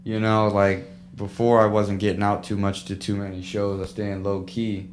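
A man with a fairly low voice speaks casually as a podcast guest. He tells his stories in an earnest, slangy way. A noticeable hum sits behind him. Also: level tone, normal speed. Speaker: music producer, podcast guest.

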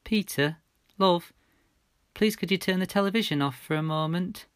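A man voicing a gentle middle-aged mother, speaking softly and trembling as she breaks bad news. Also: sits high, moderate pace, clear, resonant tone, no echo, clean studio sound, voice pushed up, lightly acted. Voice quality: soft, trembling, breaking with sobs.

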